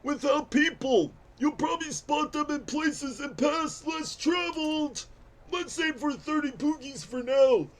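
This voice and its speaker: A man's voice: very high voice, expressive, unhurried, voice pushed up, low-quality recording. A man voicing a chatty, nostalgic, grumpy old villager from a video game in a strained old-man voice. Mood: insistent, hopeful. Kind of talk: video game character read aloud.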